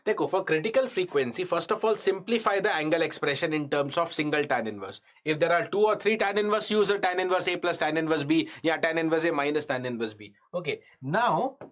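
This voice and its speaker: A fast-talking man with a fairly high, fairly bright voice and lively intonation barely pauses as he lectures. He teaches engineering exam students in a live online class with a North Indian accent, explaining step by step, repeating key phrases, asking questions, and weaving Hindi into his English.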